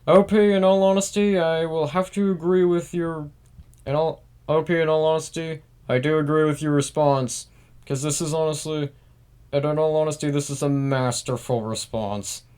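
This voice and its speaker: A man's voice: a little high, steady tone, moderate pace, darkish tone, clear, resonant tone. A man reading a Reddit post aloud and adding rambling commentary, repeating himself. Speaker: Reddit story reader.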